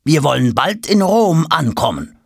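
A man's voice: fairly high pitch, sing-song, unhurried, creaky, no echo, studio quality, pitched above the performer's own voice, exaggerated voice. A man voicing a stern male servant who orders a boy around. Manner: stern, commanding.

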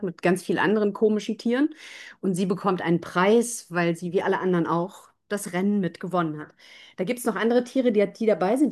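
A woman's voice: mid-range voice, darkish tone. Woman hosting a live interview. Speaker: host.

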